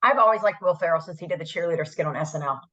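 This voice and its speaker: Woman cohost, low-ish voice, chatty and agreeable, kinda muffled lo-fi audio. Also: fairly bright tone. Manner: agreeable, chatty, quick to laugh. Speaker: podcast co-host. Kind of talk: casual chat.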